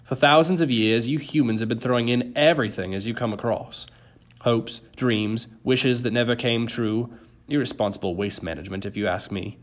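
A man putting on a gruff greedy ferryman of the dead. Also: medium pitch, normal speed, lightly acted. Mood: scornful. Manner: gruff, self-pitying, wheedling.

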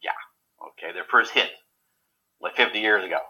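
A man in a casual interview, talking haltingly with many repeated words and fillers. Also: lowish voice, sharp tone, rough recording. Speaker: guest.

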